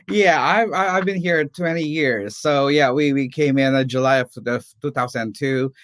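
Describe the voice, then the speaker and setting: A middle-aged man from the Philippines, a nurse and professor, talking as a guest in a casual interview with many pauses and restarts. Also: mid-range voice, a bit bright, dry recording. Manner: hesitant, many fillers and restarts.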